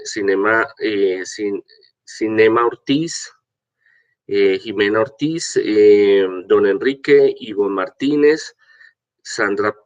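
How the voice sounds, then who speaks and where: An older man speaking as a clergyman, greeting the faithful, preaching and reading scripture in a halting way with stumbles and repeated words. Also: on the low side. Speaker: archbishop leading an online prayer and gospel reading. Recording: dull, lo-fi sound.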